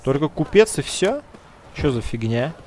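A man's voice: fairly high pitch, big pitch swings, darkish tone. A man giving casual gameplay commentary, talking in slang to his viewers and muttering his thoughts as he plays. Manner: slangy, talks to viewers as "guys"; muttering to himself, drawn-out musing. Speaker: let's play gamer.

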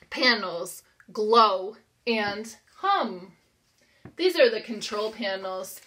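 A fairly high, pushed, bright voice carries this interactive read-aloud for young children. The reader is an American preschool teacher in her thirties who uses simple wording, encouragement, and questions.

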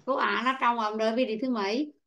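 A woman's voice: on the high side, fairly even intonation, fast, fairly bright tone, dull audio, slight background noise. A woman teaching an online English lesson, patiently calling on pupils by name and explaining word stress. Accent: Vietnamese.

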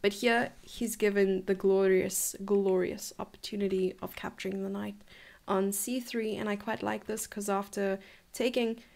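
A woman's voice: mid-range voice, fairly even intonation, normal speed, creaky, a little mellow. A woman in her twenties from South Africa, coaching a chess lesson in a chatty, enthusiastic way from a room at home. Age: 20s. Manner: chatty, enthusiastic, laughs and muses aloud. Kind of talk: live-streamed chess lesson.

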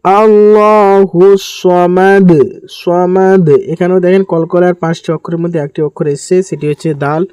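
A man teaching Quran recitation step by step, chanting verses slowly and patiently repeating syllables for learners. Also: fairly high pitch, flat delivery, warm tone, no room sound, poor audio. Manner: slow drawn-out chanting of verses between quick explanations.

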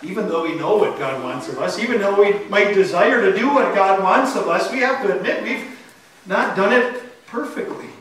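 A male pastor preaches with earnest emphasis, his voice sitting high for a man. The sound is echoey and heard from far back in a church sanctuary, with faint noise behind. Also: normal speed, a bit bright. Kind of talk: sermon. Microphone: far camera.

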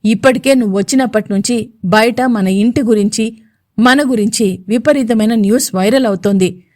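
A woman's voice: a little high, moderate pace, darkish tone, no room sound, studio quality, lightly acted. A woman voicing a composed older woman of the house who soothes and pleads for patience in an audio story. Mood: pleading.

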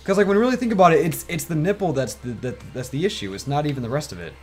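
A young man chatting over a racing game stream, rambling and filling his sentences with "like." His pitch jumps around in a lively, animated way. Faint game music plays behind him. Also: very fast. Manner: rambling, heavy use of "like". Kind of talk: casual gaming banter.

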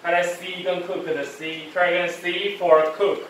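Man, English teacher, repeats every sound twice, scolds inattention, slightly high voice, booming echoey room. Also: flat delivery, measured pace, fairly bright tone. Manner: repetitive, drills each sound twice, scolds lapses in attention. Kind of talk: one-on-one phonics drill. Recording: very echoey room, voice far from mic, faint noise.

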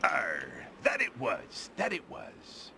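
A man's voice: mid-range voice, wildly swooping pitch, slow pace, exaggerated voice. A man voicing a greedy, money-obsessed old crab boss who growls like a pirate in a game. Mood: grumbling greedy. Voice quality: gravelly. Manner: growling pirate "arr" exclamations. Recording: loud background noise.

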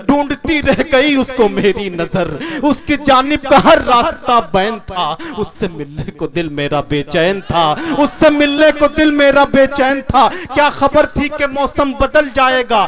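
Young man chanting sung poetry onstage. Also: very high-pitched. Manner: melodic, chanting delivery with repeated lines. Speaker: poet. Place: stage at a live poetry gathering. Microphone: stage microphone. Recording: live event with audible crowd. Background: audience sounds.

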